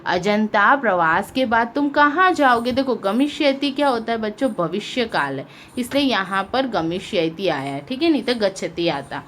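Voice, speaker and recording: A woman's voice: on the high side, lively intonation, moderate pace, a bit bright, slight background noise. A woman teaching a school lesson, reading lines aloud, translating each one, and asking her pupils questions as she goes. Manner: patient, asks pupils questions, translates line by line. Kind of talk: explaining a Sanskrit lesson in Hindi.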